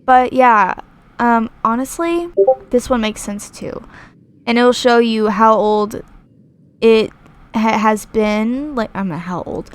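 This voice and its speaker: A chatty young woman talks over her gameplay with a slightly high voice, rambling and restarting her sentences. She reads viewers' comments aloud and gives her opinions in loose, filler-heavy speech. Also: slow pace, clear, resonant tone. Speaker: gaming YouTuber.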